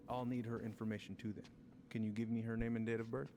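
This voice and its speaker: An actor as a brisk middle-aged police chief. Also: male voice, mid-range voice, little pitch movement, close to an everyday voice. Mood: businesslike. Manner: brisk, official questioning. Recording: game audio with ambient noise.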